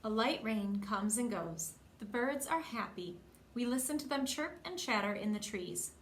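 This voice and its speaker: With a slightly high voice at a moderate pace, a woman storyteller reads a picture book aloud to little kids. She brings the characters' lines to life and keeps asking the children questions. Faint background noise and a roomy echo fill the recording.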